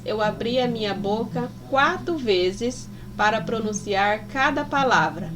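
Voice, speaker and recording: Lady teacher going real slow, breaking words into syllables, calls the kids sweet names, bit of hiss behind. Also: on the high side. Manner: affectionate, addresses pupils as "meus amores", sounds out words syllable by syllable. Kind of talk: slow, deliberate classroom explanation.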